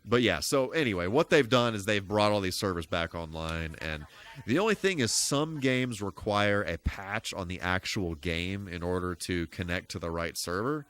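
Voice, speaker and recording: Thinking out loud on a laid-back gaming live stream, a man with a low, expressive, slightly bright voice rambles haltingly and tosses in mild, folksy exclamations.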